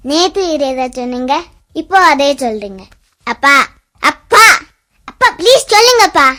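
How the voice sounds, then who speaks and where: A man's voice: extremely high pitch, brisk, warm tone. A man doing a whiny pleading little kid. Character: young child begging his father for a bedtime story.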